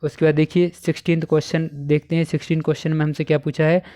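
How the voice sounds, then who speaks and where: A male teacher talks through exam answers in a smooth, resonant voice that sits a little high. He stays fairly level in pitch, and he repeats and dictates each answer slowly. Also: flat delivery, dark tone. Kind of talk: exam paper walkthrough for schoolchildren.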